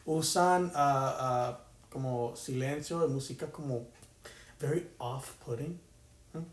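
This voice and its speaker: A man's voice: mid-range voice, takes it slowly, echoey room. A man co-hosting a podcast in casual chat, telling stories animatedly and switching between Spanish and English. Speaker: podcast co-host.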